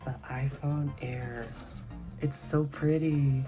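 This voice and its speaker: A young woman vlogging casually, hoarse and coughing, rambling excitedly and swearing freely. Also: extremely low pitch, slow pace. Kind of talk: casual vlog talk. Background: background music.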